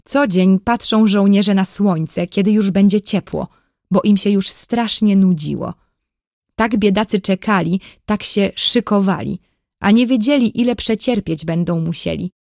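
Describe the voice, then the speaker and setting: A woman narrating a children's story as an audiobook in a clear, measured storytelling manner. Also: medium pitch, a little mellow, dry recording, studio quality.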